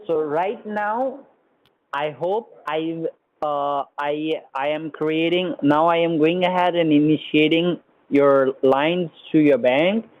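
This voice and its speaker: A man's voice: a little high, takes it slowly, no room sound. A man on a phone call with a bad connection that keeps cutting out, giving step-by-step instructions and often checking whether the listener is still there. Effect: bad phone connection that cuts out. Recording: tinny phone line.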